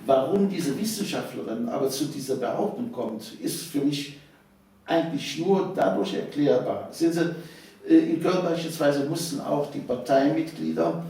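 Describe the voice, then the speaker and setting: An older man in his seventies, an interview guest who writes local history books, reminisces conversationally. His creaky voice has a fairly high pitch and a dark tone, and he speaks at a moderate pace. The recording is echoey, made in an echoey room with a distant microphone.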